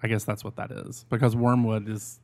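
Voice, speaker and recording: A man's voice: on the low side, level tone, a little fast, darkish tone. A man hosting a podcast in casual chat, talking in a blunt, salty, conversational way. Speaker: podcast host.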